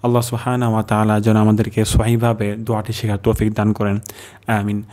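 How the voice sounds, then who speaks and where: A man teaching recitation with a Bangladeshi Bengali accent, who slows down to say each word carefully and repeats it several times. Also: lowish voice, monotone, darkish tone. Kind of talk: recitation lesson.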